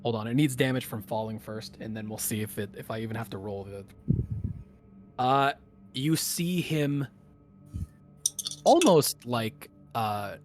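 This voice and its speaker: With faint music in the background, a medium-pitched man runs a tabletop game as game master. He narrates the action casually, thinking aloud in halting phrases.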